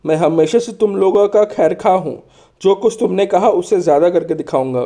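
Storybook minister, male narrator playing him, older, loyal, frank, mellow-toned. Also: high voice, moderate pace. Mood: earnest, obliging. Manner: frank, friendly, earnest.

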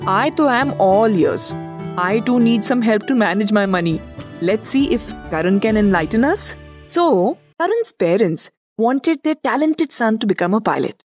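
A woman's voice: fairly high pitch, lively intonation, moderate pace, a little mellow, faint music behind. A woman with a North Indian accent hosting and narrating a scripted story, chattily addressing the listener. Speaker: host and narrator.

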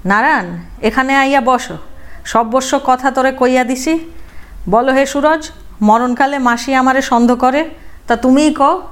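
Woman reader as a coaxing male landowner, fairly high voice. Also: unhurried, pauses often.

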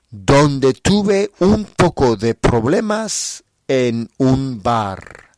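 A man reading a travel diary aloud in clear, simple Spanish for learners. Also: medium pitch, no echo. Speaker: narrator of a learners' story. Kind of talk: scripted narration for learners.

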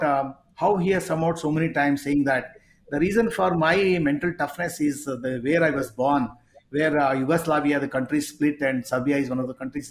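A man hosting a conversational interview as a sports psychology coach. He talks haltingly, with many filler pauses. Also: on the high side. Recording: echoey room.

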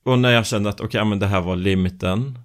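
Guy with a really low voice on a podcast, telling a story, doing little voices for people. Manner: animated storyteller, acts out dialogue, frequent restarts. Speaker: podcast co-host. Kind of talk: casual chat.

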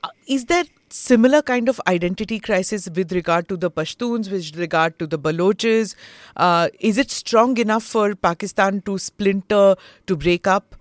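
A woman's voice: mid-range voice, normal speed, no echo, studio quality. A woman with an Indian accent hosting a conversational interview, moving between English and Hindi.

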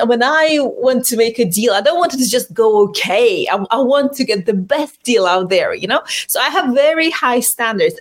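A woman originally from Russia talks as a guest coach in a relaxed interview, her voice sitting a little high. She is animated, laughs as she speaks, and now and then restarts a word mid-thought. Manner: animated, restarts words, laughs while talking. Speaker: communication coach, podcast guest. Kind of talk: casual interview conversation.

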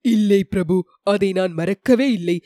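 A woman voicing a loyal, devout male chief minister in an audiobook of a historical novel, steady and reverent. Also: medium pitch, unhurried, no room sound, clean studio sound, close to an everyday voice. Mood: reassuring.

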